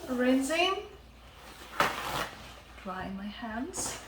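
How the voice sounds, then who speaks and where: Hosting a casual cooking demonstration, a woman with a Ukrainian accent chats away and keeps checking in with her viewers. Her fairly high voice is very animated with drawn-out words, recorded from a distance in a roomy space with a lot of noise.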